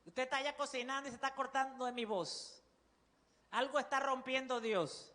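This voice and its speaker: A woman pastor with a Panamanian Spanish accent, preaching a sermon in a loud, forceful voice that calls on the congregation to repeat after her. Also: sits high, normal speed, long reverb tail.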